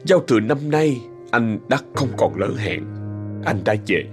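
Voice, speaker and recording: A man narrating a scripted story in a soft, expressive way. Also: mid-range voice, unhurried. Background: faint music.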